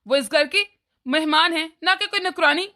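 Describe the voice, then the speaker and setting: Woman voicing a touchy cartoon younger brother; high, bright, indignant. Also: normal speed. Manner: indignant, defensive.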